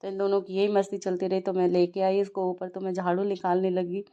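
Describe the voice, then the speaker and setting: A woman's voice: mid-range voice, monotone, brisk, mellow, highs cut off. A young woman, a mother casually narrating her day at home, chatty and telling stories with small laughs.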